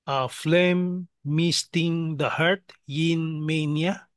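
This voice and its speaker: A man's voice: a little high, steady tone, drawn-out words, clean tone, no echo, clean studio sound. A man with a Filipino accent giving brief answers as a student in an online class, mixing Tagalog and English.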